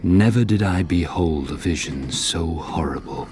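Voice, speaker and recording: An actor playing an earnest, ambitious Arctic expedition captain in a gothic audio drama, solemn and dramatic. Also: male voice, low-pitched, unhurried. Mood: solemn, haunted. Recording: clear background ambience noise.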